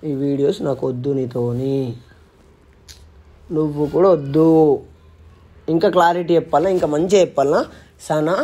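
A man's voice: a little high, normal speed, long pauses, mellow. A young man with a Telangana Telugu accent, bluntly ending a relationship on camera and repeatedly demanding clarity. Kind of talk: heated couple argument on camera.

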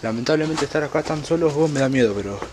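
A man's voice: fairly high pitch, quick pace. A young man with an Argentine accent chatting casually for an exploration vlog, slangy and prone to swearing. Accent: Argentine Spanish. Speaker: night exploration vlogger. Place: outdoors at night, street and open country. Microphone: handheld camera or phone. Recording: noisy handheld outdoor recording.

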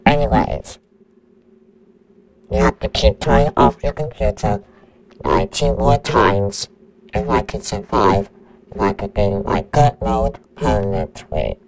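A robotic computer virus. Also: male voice, on the low side, expressive, a little slow, long pauses, slight background noise, low-quality recording. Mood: menacing. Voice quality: robotic synthetic voice. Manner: threatening countdown announcements. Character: menacing male computer virus entity.

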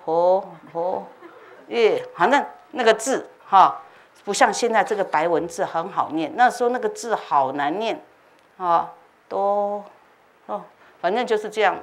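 A woman Buddhist master giving a dharma talk as a lively story, acting out dialogue and sound effects. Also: on the low side, slight background noise. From China. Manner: animated, acts out dialogue with laughs and sound effects. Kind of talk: storytelling sermon. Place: temple hall.

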